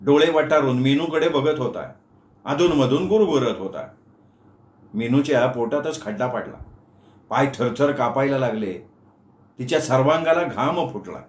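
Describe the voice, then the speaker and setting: A man narrating a story in a lively, dramatic storytelling manner. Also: medium pitch, measured pace, long pauses. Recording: echoey room.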